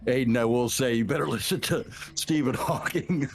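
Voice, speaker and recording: Gravelly man at a game table. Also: mid-range voice, normal speed, slight background noise. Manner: blunt, threatening in character. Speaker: player.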